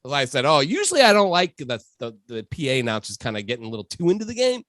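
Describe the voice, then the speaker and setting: A man's voice: fairly high pitch, huge pitch swings, quick pace, fairly bright tone, dry recording. A man co-hosting a sports podcast, telling stories in a casual chat and laughing often. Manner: laughs through his storytelling. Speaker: podcast co-host.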